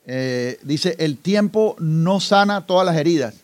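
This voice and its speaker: High-voiced male interviewer. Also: lively intonation, measured pace. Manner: reads quotes aloud, asks short prompts. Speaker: interviewer host. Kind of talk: interview conversation.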